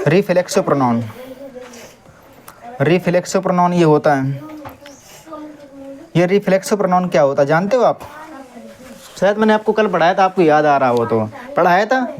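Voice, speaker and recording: A young man teaching English grammar in a classroom, asking the pupils questions and answering for them, and now and then telling them to stop making noise. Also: high-pitched. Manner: scolds noisy pupils.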